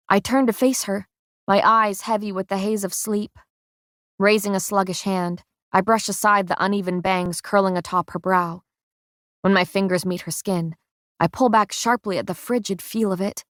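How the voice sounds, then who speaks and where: A woman narrating a first-person fantasy audiobook in a steady, measured reading voice that slows at tense moments. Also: medium pitch, no room sound, studio quality.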